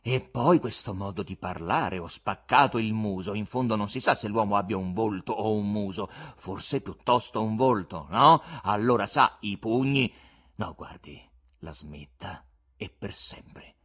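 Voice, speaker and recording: A man's voice: lowish voice, unhurried, breathy edge. A man doing a fussy, nervous middle-aged patient. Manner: soft, fussy, reproachful.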